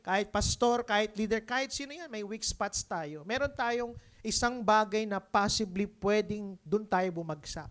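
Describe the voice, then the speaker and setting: Lively Filipino pastor preaching. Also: male voice, high-pitched, normal speed. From Philippines. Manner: lively, keeps asking the congregation "di ba?"; mixes English phrases into his preaching. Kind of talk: conversational sermon.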